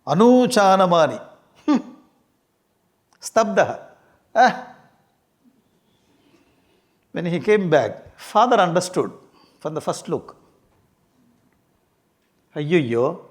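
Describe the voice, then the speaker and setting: Higher-voiced South Indian man teaching scripture. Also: slow, pauses often. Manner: animated, repeats phrases, light chuckling humour. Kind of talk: informal scripture lecture to students.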